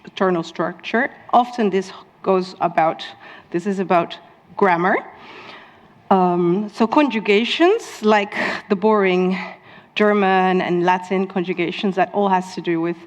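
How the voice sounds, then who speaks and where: A woman with a Dutch first language gives a conference lecture, taking her time and filling pauses with ums and small laughs. Her voice sits in a middle range and carries a long reverberant tail from a large hall. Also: medium pitch. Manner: many ums, laughs at own asides. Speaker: speaker at a conference talk. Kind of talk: lecture on linguistics.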